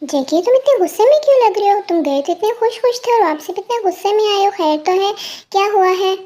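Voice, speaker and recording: A nosy, whiny young male servant in a storybook, voiced by a woman. He fires off questions in a quick, high voice. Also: lively intonation, dark tone. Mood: curious. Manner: questioning, complaining.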